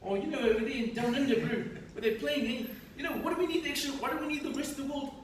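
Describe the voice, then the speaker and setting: A man putting on a smug high-pitched Kiwi bloke. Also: rapid-fire, heavy reverb, far from the mic, background noise. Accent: put-on New Zealand. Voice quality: exaggerated high-pitched drawl. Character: boastful New Zealand rugby bloke, adult man.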